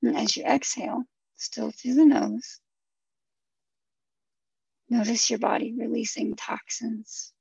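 A woman guides a relaxation meditation in a soft, breathy voice with heavy vocal fry, sometimes close to a whisper. Her tone is dark and mellow, and she gives instructions gently and soothingly. The recording is close and dry, slightly muffled. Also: a little high, steady tone, takes it slowly, long pauses, no echo. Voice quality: soft, breathy, husky, at times near a whisper.

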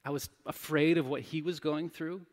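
A man's voice: on the high side, steady tone, normal speed, a little mellow, in a large hall. A man giving a sermon, telling a personal story in a candid, self-deprecating way. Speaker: pastor.

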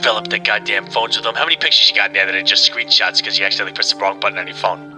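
A man playing a brash, boisterous ad executive who crashes a video call and rambles through a sales pitch in improvised comedy. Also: very fast, music in the background, lightly acted. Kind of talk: improvised comedy role-play.

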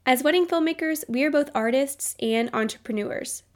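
A woman's voice: sits high, normal speed. A young adult woman hosting a solo business podcast, upbeat and motivational, her voice nasal from a cold. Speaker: podcast host.

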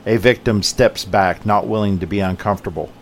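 A man hosting a podcast, giving a measured scripted motivational talk built on emphatic contrasts. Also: lowish voice, a little hiss or hum. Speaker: podcast host.

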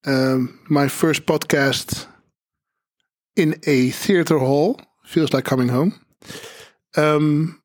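A man, informally hosting a panel discussion on a podcast. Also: a little high. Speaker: podcast host. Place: theater hall with a small audience.

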